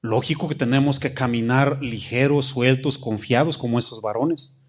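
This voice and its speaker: A pastor preaches at a mid-range pitch. He stretches out key scripture phrases and keeps asking the congregation to answer back. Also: normal speed. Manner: preaching with call-and-response questions to the congregation. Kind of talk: sermon.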